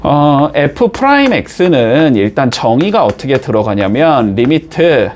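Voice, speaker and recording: A man explains math to his students as a teacher, moving through each step and pausing often with a quick question to check they follow. His voice swings up and down with lively energy. His pitch sits in an ordinary middle range. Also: slight background noise. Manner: lively, coaxing, checks in constantly with short questions. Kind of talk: classroom math lecture.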